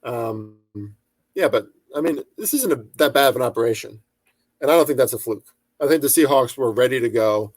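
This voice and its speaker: A man's voice: mid-range voice, expressive, brisk, no echo. A young man giving loose, profane sports betting commentary, full of fillers, restarts and chatty asides.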